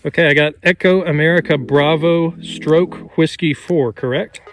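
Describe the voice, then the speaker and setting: A man making ham radio calls outdoors on a mountain summit, reading call signs in the phonetic alphabet and giving signal reports in a steady, clipped way. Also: a little high, normal speed, a little hiss or hum.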